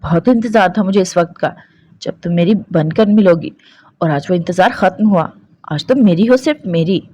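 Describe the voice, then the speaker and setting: A woman's voice: lowish voice, normal speed, warm tone, highs cut off, close to an everyday voice. A possessive young husband who snaps orders and silences every objection, voiced by a woman narrator. His lines come out harsh and commanding. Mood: tender.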